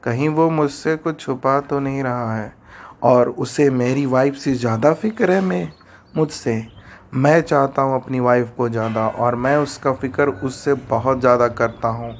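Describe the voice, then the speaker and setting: A jealous husband, played by a man, grumbles irritably about his wife's admirer. His voice is mid-pitched with a faint noise floor, in an animated story. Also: moderate pace, creaky, natural voice. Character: jealous middle-aged clergyman husband.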